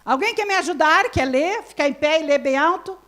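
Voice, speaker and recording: A Brazilian-accented woman preaching at a women's conference, her voice sitting high. She keeps the audience involved with questions and frequent light laughter. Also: brisk, fairly bright tone. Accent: Brazilian Portuguese. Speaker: pastor. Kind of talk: interactive sermon at a women's conference. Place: live conference hall.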